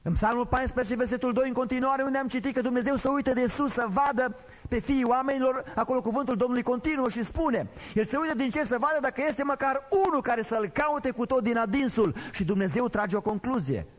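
Preaching man in a reverberant hall. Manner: preaching with big swings between loud emphatic lines and quiet low storytelling. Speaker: pastor. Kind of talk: sermon.

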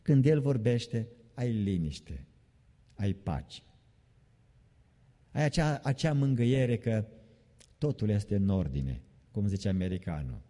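A man's voice: fairly low pitch, sing-song, long pauses, mellow. A man preaching an evening sermon in a church, emphatic, repeating key phrases and joking mockingly. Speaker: pastor. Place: church sanctuary. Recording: long reverb of a church hall.

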